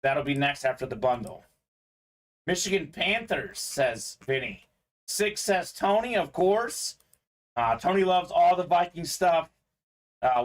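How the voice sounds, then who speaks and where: A man's voice: fairly high pitch, a bit bright. A man from Bulgaria hosting a live sports memorabilia break, chatty and upbeat, reading out viewer comments as he goes. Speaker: sports card break host. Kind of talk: live-stream sales patter.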